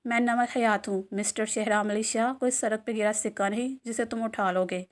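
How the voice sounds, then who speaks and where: A woman reading a novel aloud and voicing a sharp-tongued young woman who mocks a man. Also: fairly high pitch, fairly even intonation, brisk, lightly acted. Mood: sassy. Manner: sassy, mocking.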